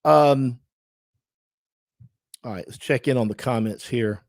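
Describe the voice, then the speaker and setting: A man's voice: mid-range voice, slow pace, creaky, darkish tone, no room sound, clean studio sound. A middle-aged man with a Southern Georgia accent hosts a casual livestream, chatting with viewers, thanking them and using many fillers. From Georgia, USA. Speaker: livestream host and lawyer.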